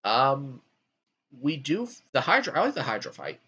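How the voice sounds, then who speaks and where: A man hosts a relaxed chat about video games, and his pitch swings widely from line to line. He fills pauses with ums and jumps between thoughts. The recording sounds dull and lo-fi. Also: husky. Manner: animated, jumpy pitch with frequent ums. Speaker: podcast host ranking game worlds. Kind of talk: casual gaming chat.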